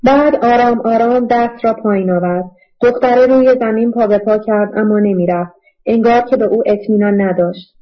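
A novel is read aloud by a woman with a slightly high voice, her scripted narration steady and measured. The audio is a lo-fi, muffled audiobook recording.

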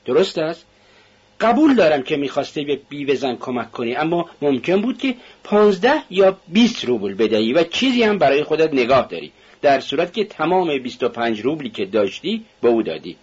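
Loud excitable buddy, as a man voices him, voice pushed way up, raspy, muffled radio sound. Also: on the high side, voice pushed up. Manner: loud, hearty, scolding. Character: blunt, excitable young male friend. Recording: dull lo-fi radio recording.

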